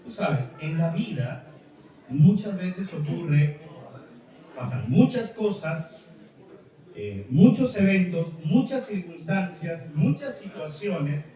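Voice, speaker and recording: A man's voice: high voice, expressive, slow, warm tone. Man, Peruvian accent, chatty sermon storytelling, heavy hall echo, distant mic. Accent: Peruvian Spanish. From Peru. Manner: chatty storytelling with laughs and asides to the congregation. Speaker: preacher. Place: large church hall.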